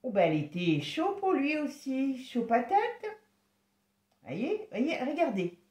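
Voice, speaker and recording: A woman giving a casual tarot reading, chatty and exclamatory, sometimes dropping to a soft murmur. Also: high voice, very animated, roomy sound. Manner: chatty, exclamatory, halting with restarts; drops to a soft murmur when concentrating. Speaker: tarot reader.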